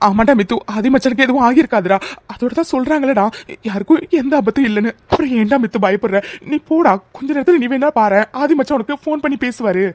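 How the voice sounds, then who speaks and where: A woman doing a brisk protective young woman. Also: on the high side, darkish tone, dry recording, voice pushed down, close to an everyday voice. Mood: firm. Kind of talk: cartoon voice acting.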